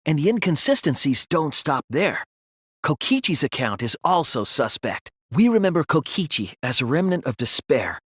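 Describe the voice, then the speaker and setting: In English video game voice acting, a thoughtful teenage detective reasons aloud with earnest resolve through dramatic deduction scenes, deliberate and emphatic when refuting. His full character voice is breathy with lively pitch swings as he builds and presses each point, recorded very dry.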